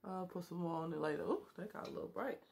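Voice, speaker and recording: Talking at a quick pace in a lowish, creaky, slightly mellow voice, a woman in her thirties does her makeup and jokes around with viewers. It's a casual tutorial chat from a beauty vlogger, captured close on a webcam in a small bedroom.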